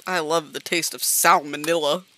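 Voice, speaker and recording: A woman's voice: low voice, bright, forceful tone, rough recording. A woman hosting a casual gaming let's-play, giggling often and swearing freely as she chats. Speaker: gaming channel host.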